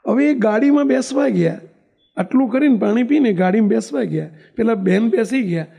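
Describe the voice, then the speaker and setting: Male monk, storytelling sermon, high gravelly voice, mellow tone, acts out quoted lines. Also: lively intonation, a little fast, muffled recording. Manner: asks the audience questions, acts out quoted dialogue.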